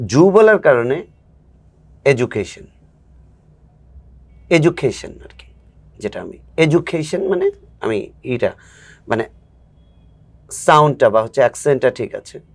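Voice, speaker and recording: A man's voice: mid-range voice, very animated, a little slow, pauses often. Man coaching spoken English, patient. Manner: patient teacher, gives spoken examples. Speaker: English-speaking coach, guest. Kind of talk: casual explanatory interview.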